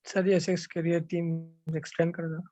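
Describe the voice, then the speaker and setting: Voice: medium pitch, flat delivery, moderate pace, warm tone, no room sound, dull audio. A webinar participant on an online call whose voice keeps cutting out, making brief, polite requests. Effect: choppy online call audio cutting out. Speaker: webinar participant asking a question.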